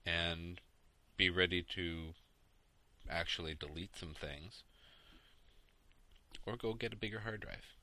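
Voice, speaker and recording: A man in his thirties hosts a casual gaming podcast late at night, sounding tired and rambling. His voice is sharp and bright but sits a bit low, recorded very dry and close. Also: no echo. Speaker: podcast host. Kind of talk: casual solo podcast chat about games.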